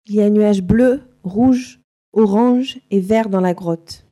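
A woman narrating a simple storybook slowly and carefully for learners. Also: mid-range voice, warm tone. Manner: slow, simple, carefully articulated.

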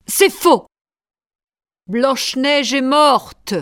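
A woman voicing a vain, jealous, wicked queen in a slowly read storybook. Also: high-pitched, lively intonation, a bit bright, no room sound, clean studio sound, full character voice. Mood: furious. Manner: slow, carefully articulated storybook reading.

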